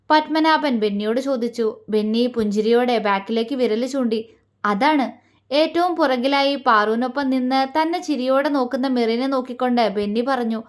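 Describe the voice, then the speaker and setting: Woman storyteller, high voice, expressive romance narration. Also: normal speed.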